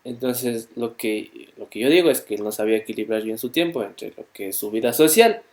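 A man's voice: medium pitch, fairly quick, darkish tone. A man chatting on a podcast, telling a story with slang and hesitant fillers. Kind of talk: casual chat.

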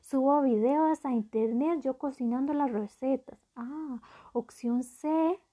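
A woman's voice: sits high, takes it slowly, dark tone, dull audio. Upbeat woman giving motivational talk. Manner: encouraging, repeats phrases for emphasis, addresses listener as friend. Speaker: podcast host.

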